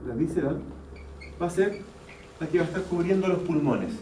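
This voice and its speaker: A man's voice: on the high side, lively intonation, moderate pace, dark tone, slight background noise. A man giving an anatomy lecture in a classroom, explaining step by step, repeating key terms and checking that students follow. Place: lecture hall. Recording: echoey classroom, mic far off, faint ambience.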